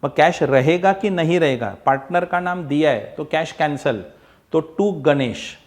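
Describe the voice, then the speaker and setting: A man's voice: a little high, measured pace. A man teaching an online accounts class, coaxing his students and acting out their replies, mixing Marathi, Hindi and English.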